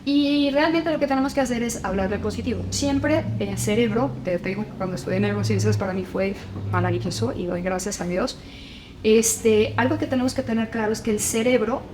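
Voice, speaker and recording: A woman's voice: mid-range voice, a little mellow, a little hiss or hum, low-quality recording. Didactic woman parenting expert. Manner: didactic, acts out commands to children. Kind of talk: explanatory conversation.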